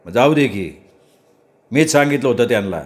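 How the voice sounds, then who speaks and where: A man's voice: medium pitch, expressive, normal speed, natural voice. A man voicing a brash young village man who brushes off his mother in rustic speech. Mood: dismissive. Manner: dismissive, offhand, rustic speech.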